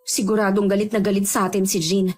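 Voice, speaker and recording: A woman's voice: medium pitch, flat delivery, fast talker, darkish tone, soft background music, natural voice. An actress playing a greedy elder sister who keeps evasively denying she took anything. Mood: worried. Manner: evasive, sulky denials.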